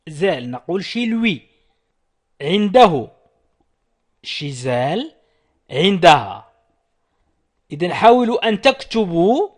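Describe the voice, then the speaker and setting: Man, language teacher, slow careful drills, fairly high voice. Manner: slow, deliberate pronunciation drills. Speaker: French teacher. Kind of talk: slow language lesson with repetition.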